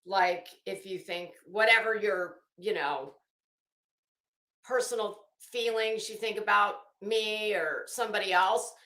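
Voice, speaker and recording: A woman hosts a livestream, chatting with viewers in a blunt, informal, talkative way. Her voice is medium-pitched, bright and forceful, and she takes her time. The room is echoey.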